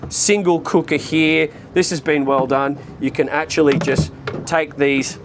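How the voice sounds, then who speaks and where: A man with a mid-range voice gives an upbeat, chatty walkthrough, pointing out features one by one. He talks outdoors on a boat in an open bay, with faint noise behind him. Now and then he clears his throat after a recent flu. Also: mid-range voice. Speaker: boat reviewer presenting a walkthrough. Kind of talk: casual guided tour talk.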